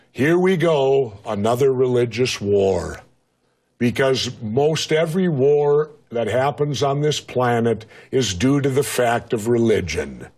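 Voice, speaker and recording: A man's voice: mid-range voice, a little mellow. A man speaking as a guest in a heated interview, blunt and argumentative, pushing back and talking over the host.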